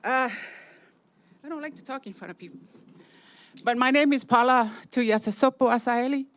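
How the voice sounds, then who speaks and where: A woman's voice: on the high side, moderate pace. An older woman from San Francisco giving a rambling, chatty public comment at a city meeting, laughing between points.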